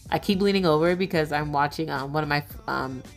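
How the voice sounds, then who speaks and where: A woman's voice: deep voice, brisk, faint music behind. A woman in her thirties, a mother, narrating a home vlog in a chatty, casual way with many filler words. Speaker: vlogger, mother.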